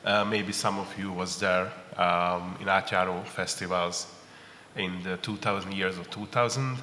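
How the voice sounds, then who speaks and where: A man's voice: deep voice, fairly even intonation, unhurried, pushed and bright, a little hiss or hum. A man introducing himself on a convention panel in plain, slightly broken English. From Hungary. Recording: echoey reverberant hall.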